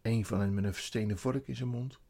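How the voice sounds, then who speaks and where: A man reading a children's story aloud in an expressive, dramatic way. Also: lowish voice, brisk, creaky, slightly rough.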